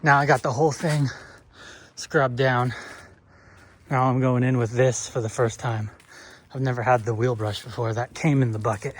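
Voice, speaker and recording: A man talks through a car wash outdoors in an easygoing, rambling vlog style, full of little fillers. His voice sits at an ordinary mid pitch. A faint hum of outdoor noise stays underneath. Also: normal speed, pauses often. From northeastern United States. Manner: relaxed, rambling, filler-heavy. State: slightly out of breath. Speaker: vlogger. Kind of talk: casual talk while washing a car.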